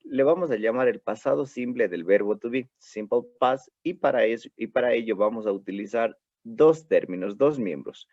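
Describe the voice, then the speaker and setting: A male English teacher with an Ecuadorian Spanish accent giving a recorded lesson, slowly drilling pronunciation and repeating forms for students. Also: medium pitch, expressive, no room sound. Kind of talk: recorded online class lecture. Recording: dull dry lo-fi recording.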